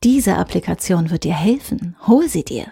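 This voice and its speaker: A woman voicing a smooth, persuasive male virtual advertising avatar, speaking softly and coaxingly. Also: fairly low pitch, animated, normal speed, full character voice. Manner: soft, coaxing, hushed.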